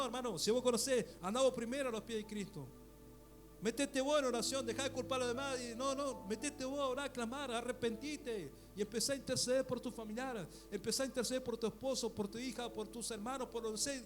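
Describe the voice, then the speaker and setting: A middle-aged man with a Rioplatense Spanish accent, preaching a sermon as pastor, building to loud peaks with rhetorical questions. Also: very high voice.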